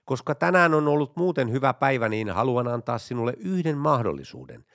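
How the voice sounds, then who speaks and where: A man's voice: medium pitch, sing-song, fairly bright tone, no echo, studio quality. A man voicing a smug, stern male traffic police officer in a told joke, speaking up and lecturing.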